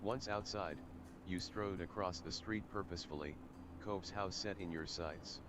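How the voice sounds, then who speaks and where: A man's voice: deep voice, fairly even intonation, moderate pace. A synthetic text-to-speech voice of an older man, reading a game's narration and dialogue aloud in one mechanical way. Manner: reads everything in one mechanical way, lines and narration alike. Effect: text-to-speech screen reader voice. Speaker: game text reader. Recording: synthetic voice with clear background noise.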